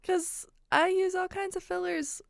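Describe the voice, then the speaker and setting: High-pitched woman with uptalk. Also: steady tone, a little slow, vocal fry, no room sound, clean studio sound. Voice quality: uptalk, rising phrase endings. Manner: sassy in a smiley way. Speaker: podcast co-host. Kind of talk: casual chat.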